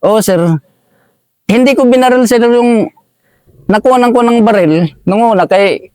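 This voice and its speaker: A militiaman guest from Eastern Samar in the Philippines recounts a war story to his interviewer, deferentially calling him "sir" at almost every phrase. His voice is very high, a little mellow, and measured in pace, with no echo.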